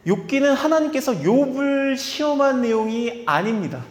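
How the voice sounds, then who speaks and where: A man's voice: very high voice, sing-song, moderate pace. A man preaching an expository sermon in a conversational way, acting out the voices he quotes. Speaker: pastor. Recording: echoey hall reverb.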